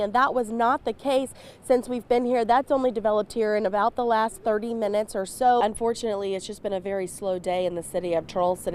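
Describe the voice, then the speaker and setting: A woman field reporter giving a conversational live news report from outdoors. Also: fairly high pitch. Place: outdoors in a waterfront town.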